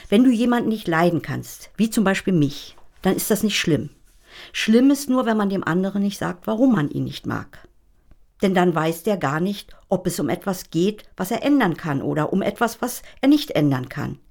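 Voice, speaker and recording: A woman's voice: mid-range voice, expressive, normal speed, gravelly, darkish tone. A woman reading aloud the lines of a bold, provocative woman who firmly presses a child to speak up. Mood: insistent. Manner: read aloud from a script, firm and insistent.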